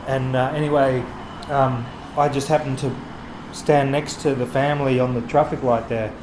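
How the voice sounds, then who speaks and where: A man, a street photographer, telling a story to camera in a halting, rambling way, full of restarts and fillers. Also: mid-range voice, flat delivery. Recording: street noise and traffic behind.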